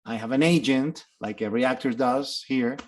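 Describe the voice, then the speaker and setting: With medium pitch and normal speed, a middle-aged Mexican guest actor recounts stories during a casual interview. Spanish is his first language and his accent is Mexican Spanish; he narrates animatedly, with frequent laughs and restarts.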